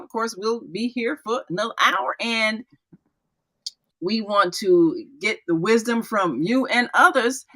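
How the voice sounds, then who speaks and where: A woman's voice: a little high, bright, forceful tone. A woman hosting a radio talk show, speaking emphatically and affirming what her guests say. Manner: emphatic, affirming, quickens at breaks. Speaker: radio host.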